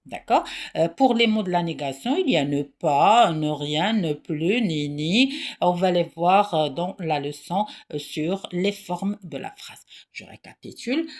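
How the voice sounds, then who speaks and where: A woman's voice: lowish voice, lively intonation, measured pace, darkish tone. A woman teaching a grammar lesson to children, patient, repeating key points and checking in often. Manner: raises her voice when reading questions aloud.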